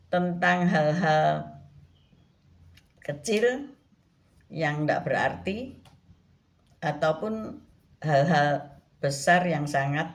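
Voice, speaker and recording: A woman pastor giving a devotional Bible teaching, speaking gently and often adding a soft "ya". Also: sits low, creaky. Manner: slow, gentle, frequent tag "ya".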